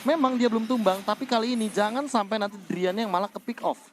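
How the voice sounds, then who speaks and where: A man's voice: high voice, fast, slight background noise. A man with an Indonesian accent giving analytical live esports commentary as a co-commentator.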